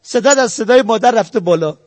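A religious lecturer delivers a talk on family ethics in a high-pitched, lively voice with a darkish tone, recorded dry. He earnestly exhorts his listeners directly, setting out his points one at a time.

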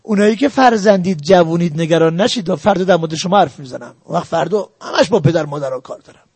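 Speaking in a slightly high voice with a darkish tone and a breathy edge, a man gives a religious lecture on family ethics, recorded dry. He addresses his audience earnestly and directly, urging them on as he works through his points one by one.

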